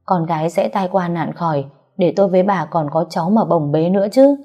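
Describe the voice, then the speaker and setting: A woman's voice: fairly low pitch, fairly quick, mellow, soft background music. A woman voicing a worried middle-aged father who talks firmly and reassuringly to his wife. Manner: firm, reassuring. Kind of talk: audiobook character reading.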